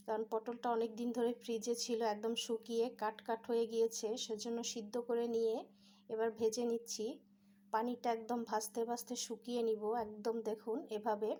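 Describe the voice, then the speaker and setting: Calm woman narrating home cooking. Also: a little high, a little hiss or hum. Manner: calm step-by-step instructions. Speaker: cooking channel host.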